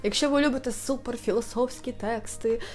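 A woman's voice: on the high side, a little fast, darkish tone, soft background music. A woman in casual chat, talking informally with lots of fillers and slang. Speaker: booktube co-host.

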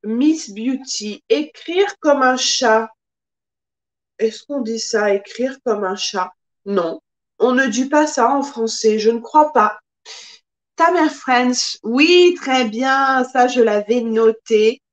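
Recorded on a desk webcam in a small room, a woman in her thirties teaches a live-streamed French lesson. She has a high voice and speaks very slowly and expressively, drawing out each phrase and gesturing a lot with her hands, with occasional coughs from pollen allergies.

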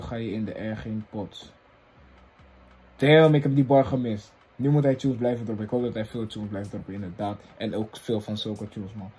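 A man hosting a reaction video, chatting casually in excitable, slang-heavy street talk that swings from loud bursts to low mumbles. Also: breathy edge.

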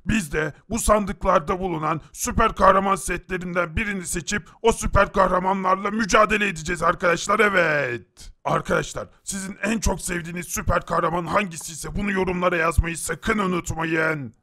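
A man hosting a game video, talking excitedly and calling out to his viewers. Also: high voice, fairly quick, hardly any pauses. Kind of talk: casual game commentary.

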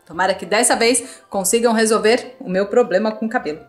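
A woman with a Brazilian accent hosting a children's pretend-play skit, talking to viewers in an expressive, exclamatory way. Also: mid-range voice, a little fast. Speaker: host of a children's channel, playing the customer. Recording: echoey room, faint music behind.

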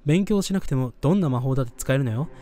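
A man reading the lines of a small witch in a storybook game, friendly on the surface with a menacing edge, in his own mellow voice. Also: medium pitch, animated, rapid-fire, soft background music, natural voice. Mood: sweet. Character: small female witch, sweet but vengeful.

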